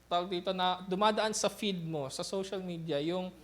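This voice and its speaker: Guy pastor giving a chatty sermon, kinda high voice, keeps tossing in little "right?" checks. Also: normal speed. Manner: conversational Taglish preaching with frequent "no?" tag questions.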